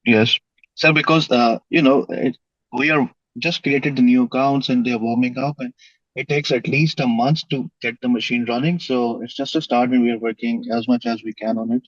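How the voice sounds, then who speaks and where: A man's voice: medium pitch, steady tone, moderate pace, no room sound. A man on a video call reports on his team's work in a deferential tone, addressing his boss as sir. The audio is dull and dry. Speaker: team member reporting.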